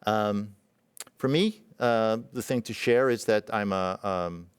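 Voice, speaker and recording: A middle-aged man born in Israel tells a personal story in a talk, halting and reflective, with many fillers and restarts. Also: lowish voice, clean tone, no echo. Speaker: presenting physician.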